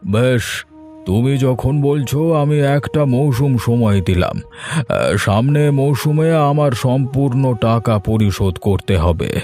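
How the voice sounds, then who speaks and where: A man's voice: medium pitch, expressive, a little slow, mellow, faint music behind. A man voicing a greedy village moneylender in a cartoon, demanding his money back sternly.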